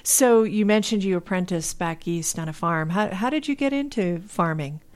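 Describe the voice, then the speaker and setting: A woman's voice: on the low side, animated, normal speed. A woman interviewer asking curious, friendly questions.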